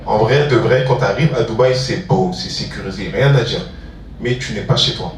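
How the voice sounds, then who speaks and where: With a fairly low pitch and normal speed, a man from Ivory Coast, a music producer and entrepreneur, addresses a public talk as a guest, casual and slangy, repeating phrases to stress points. Slight background noise and audience murmur come through the distant mic in a roomy hall.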